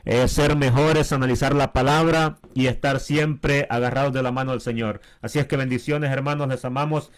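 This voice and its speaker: A man co-hosting a Bible teaching with his wife, speaking slowly and warmly addressing his listeners as brothers. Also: medium pitch, steady tone. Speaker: pastor.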